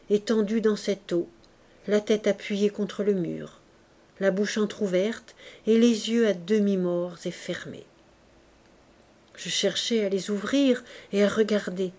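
A woman reading a classic novel aloud in the first person, with tense dramatic expression that sometimes sinks to a hushed whisper. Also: medium pitch. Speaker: audiobook reader.

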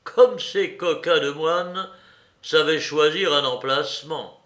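A man voices a worn-out older magistrate in a storybook reading, shouting out his relief and enthusiasm at full volume. The voice sits in a roomy, echoing space. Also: fairly high pitch, takes it slowly, pitched above the performer's own voice. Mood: enthusiastic. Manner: exclamatory, bursting with relief. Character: weary, excitable older male magistrate.

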